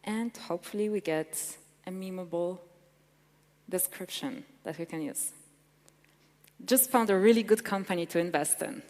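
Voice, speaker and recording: Speaking at a tech conference, this eager woman, a native Polish speaker, chats through her talk and Q&A with plenty of fillers. Her fairly low voice is a little mellow and keeps a moderate pace, echoing around the large hall.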